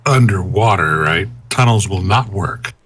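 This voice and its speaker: A man runs a tabletop game as game master, dry and matter-of-fact. His voice is low and husky. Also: animated, unhurried, a bit bright.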